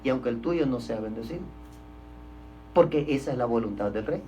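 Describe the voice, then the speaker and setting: Male pastor, sermon delivery: emphatic, mid-pitched, swings from loud stresses to hushed asides. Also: lively intonation, a little fast, a little hiss or hum. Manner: keeps addressing listeners as brother.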